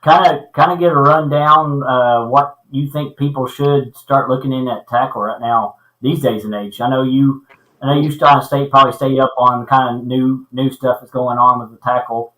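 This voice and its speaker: Here a man with a medium-pitched, slightly bright voice speaks at a moderate pace with fairly even intonation while co-hosting a casual fishing stream, welcoming viewers and teasing friends in an easygoing, friendly manner. The rough recording from a small basement corner room is echoey and hollow, like a voice through a pipe.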